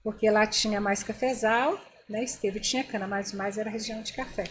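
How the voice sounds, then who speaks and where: An older woman from Brazil, a guest in an interview, spiritedly relates stories from her past while speaking directly to those around her. Her medium-pitched voice moves fairly quickly, and there's slight background noise.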